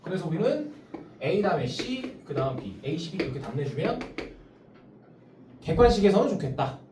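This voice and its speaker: Tutor teaching a small group, checks in with each student by name. Lively, up-and-down delivery, heard from across an echoey room. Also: medium pitch, moderate pace, noisy background. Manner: calls on students by name, explains step by step. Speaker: math tutor. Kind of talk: small-group math lesson. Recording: roomy sound from a distance.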